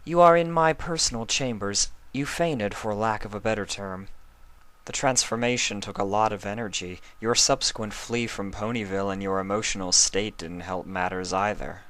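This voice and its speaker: A man voicing a gentle, regal pony princess with a soft manner. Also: fairly low pitch, normal speed, dry recording, pitched above the performer's own voice, close to an everyday voice. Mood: soothing.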